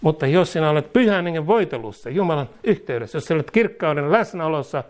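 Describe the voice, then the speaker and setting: Man preaching, fairly high voice, leads prayers a phrase at a time. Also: expressive, a little mellow. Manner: rises in pitch and force as he exhorts. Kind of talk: sermon with call-and-response prayer.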